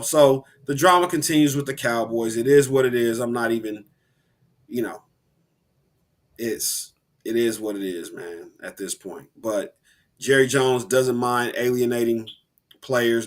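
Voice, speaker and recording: A man co-hosting a casual sports podcast, animated and rambling, with slang and frequent restarts. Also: mid-range voice. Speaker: podcast co-host.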